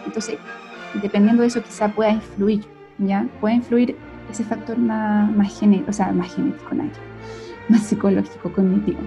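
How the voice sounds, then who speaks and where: Speaking at normal speed in a level, mellow, medium-pitched voice, a young woman with a Chilean Spanish accent teaches as a speech therapist. She keeps checking in with listeners through tags like "ya?" and "cierto?". Faint music sits under the dull, lo-fi audio.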